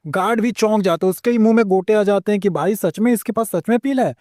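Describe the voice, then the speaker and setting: A man with a high voice recaps a story in a loose, slangy, joking way. His tone is soft and mellow. The recording is close and dry, with no room sound at all. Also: fast talker, no echo. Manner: slangy, acts out every character's lines himself. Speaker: anime and manhwa recap narrator.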